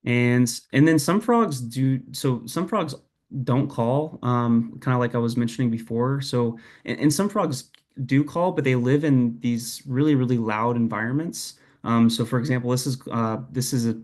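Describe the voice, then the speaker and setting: Speaking in a mid-range voice with a darkish tone, a young presenter gives an online lecture by video call. He sounds casual and unsure, often using fillers and starting sentences over.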